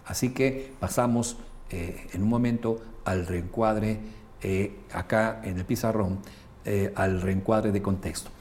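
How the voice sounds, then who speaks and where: A man's voice: fairly low pitch, steady tone, slow pace, a little mellow. A man with a Mexican accent, teaching a coaching lesson with frequent hesitant filler sounds. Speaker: coaching instructor.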